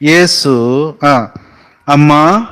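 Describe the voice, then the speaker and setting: A man's voice: on the high side, extremely slow, a bit bright, smooth, low-quality recording. A man preaching a sermon, firing off emphatic rising questions and sometimes singing a hymn line. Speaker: pastor.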